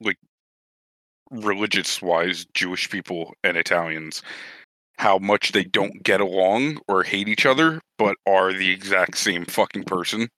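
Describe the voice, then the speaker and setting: A low-pitched man with a bright, sharp edge to his voice, chatting on a podcast. He rambles, swears freely and laughs at himself, and the sound is dry and close-miked. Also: unhurried, no room sound, low-quality recording. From New Jersey. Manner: rambling, profane, self-deprecating. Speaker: podcast co-host. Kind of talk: casual chat.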